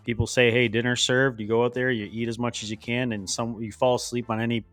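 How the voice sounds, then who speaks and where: A man's voice: mid-range voice, level tone, fast, a bit bright, dry recording. A man co-hosting a casual podcast, teasing and joking with his partner. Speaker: podcast co-host. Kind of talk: casual chat.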